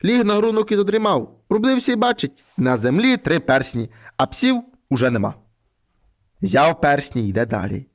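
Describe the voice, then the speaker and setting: A man reading a folk fairy tale aloud in an expressive storytelling manner. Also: a little high, moderate pace.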